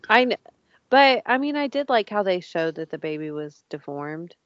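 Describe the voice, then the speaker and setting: A woman's voice: mid-range voice, dry recording. A woman chatting casually about a TV show, laughing often and swearing, with lots of fillers. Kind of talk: casual chat. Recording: dull, lo-fi dry sound.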